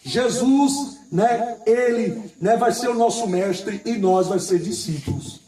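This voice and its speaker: Male preacher, high voice, repetitive and emphatic, recorded roomy and from a distance. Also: warm tone. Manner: repeats phrases, asks the congregation "Amém?"; reads scripture slowly and with emphasis. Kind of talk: sermon.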